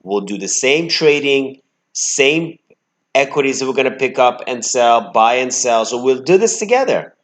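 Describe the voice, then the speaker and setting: A man's voice: mid-range voice, animated, normal speed. A man hosting a trading channel, giving live, brash commentary on his stock trades, swinging between emphatic outbursts and muttered asides.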